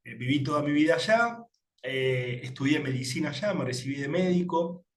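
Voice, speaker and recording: A man's voice: on the high side, animated, moderate pace, reverberant. A man in his forties with an Argentine accent, telling his personal story in a reflective way as a spiritual teacher in a workshop. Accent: Argentine Spanish. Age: 40s. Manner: reflective, with frequent filler tags and repetitions.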